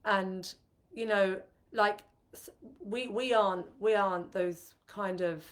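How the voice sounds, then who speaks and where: A woman's voice: medium pitch, steady tone, slow. A woman co-hosting a casual live-stream chat, talking loosely with lots of fillers and restarts. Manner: chatty, many fillers and restarts. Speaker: co-host, retreat facilitator.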